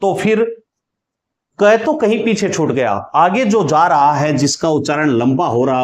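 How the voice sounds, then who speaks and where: A male teacher gives a classroom lecture, explaining step by step and drawing out sounds to show how they work. His voice sits slightly high and his pace is very slow. The room around him rings with echo. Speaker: Hindi grammar teacher. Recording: echoey room.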